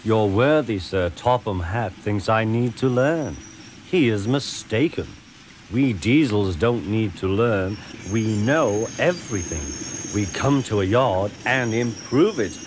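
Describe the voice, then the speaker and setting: A man voicing a smug, boastful male diesel engine in a storybook reading, in a smooth, oily voice. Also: on the low side, lively intonation, takes it slowly, a little hiss or hum.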